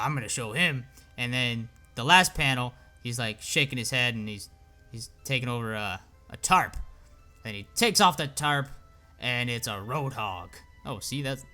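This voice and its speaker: A young man casually retells a comic panel by panel and keeps stringing it along with "and then, uh". His voice sounds bright and sharp at a middle pitch. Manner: rambling, with frequent "and then, uh". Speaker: YouTuber. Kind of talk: casual storytelling recap of a comic.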